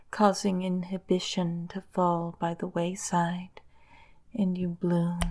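A woman softly guiding a hypnosis in a lulling, breathy voice that often drops to a whisper, close in the listener's ear. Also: on the low side. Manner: slow, soothing, lulling delivery. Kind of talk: whispered guided hypnosis, ASMR.

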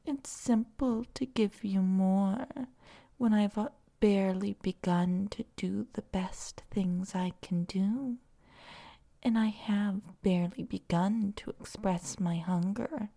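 A seductive female vine creature, voiced by a woman, in an audio roleplay. She takes her time, whispering softly and breathily. Her tone stays mellow and unhurried, with an even middle pitch. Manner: soft, breathy whispering, slow and coaxing.

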